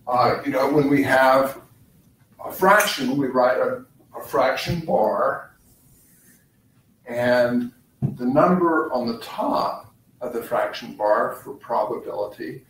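A man's voice: medium pitch, a bit bright. A middle-aged man tutoring math in a live-streamed session, explaining step by step with many "uh" and "um" fillers. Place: campus learning center room. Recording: roomy, mic at a distance, faint background hum.

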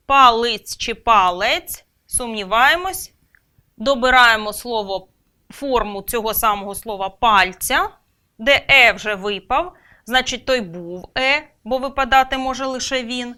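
A woman teaching a grammar lesson, speaking clearly and deliberately and stressing key words. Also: a little high, animated, sharp tone.

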